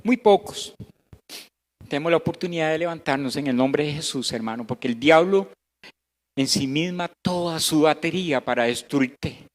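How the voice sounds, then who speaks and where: A man with a Costa Rican Spanish accent preaching a sermon as pastor, swinging between loud emphasis and hushed, slow passages. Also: on the high side. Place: church hall. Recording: echoey church hall.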